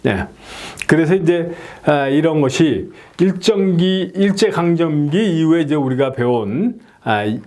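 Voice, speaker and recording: A middle-aged man explaining English pronunciation in a lesson, often checking in with a quick rhetorical "yes?". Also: a little high. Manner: animated, frequent rhetorical "예?" checks.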